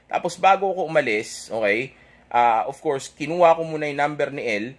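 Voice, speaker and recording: A man's voice: on the high side, expressive, brisk. A young man telling an audience a dating story in a casual, rambling way, correcting himself and checking in with "okay?" after nearly every point. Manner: chatty, rambling, self-correcting.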